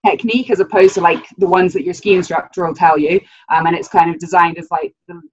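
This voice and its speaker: Talking fast in a lowish, steady voice that's a little mellow with a breathy edge, this young British ski coach in her twenties chats on a video call. She laughs a lot and fills her speech with "um" and "like"; the dull, lo-fi audio has no room sound.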